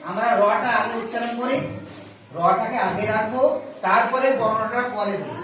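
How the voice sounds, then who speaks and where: A man teaches a children's lesson in a slow, patient way, repeating each word and asking simple questions. His voice comes from some distance, and it rings through a very echoey room with faint noise behind it. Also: sits high, a bit bright. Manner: patient, repeats words slowly and asks questions. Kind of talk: children's Bengali spelling lesson.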